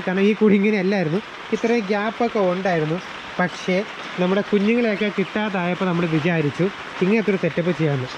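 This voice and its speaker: A man from Kerala, India, narrates a casual vlog showing off his backyard aviary outdoors, talking to his birds and helpers with a throat sore from speaking loudly. His voice is high, and the recording's highs are cut off. Loud rain noise and birds fill the background.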